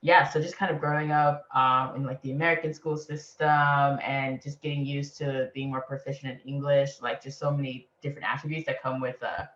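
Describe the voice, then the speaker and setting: A young woman from Cameroon, relaxed and reflective as a guest in a casual interview, chuckling between phrases. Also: a bass voice, a little fast, hardly any pauses. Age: young adult. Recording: roomy, dull video call audio.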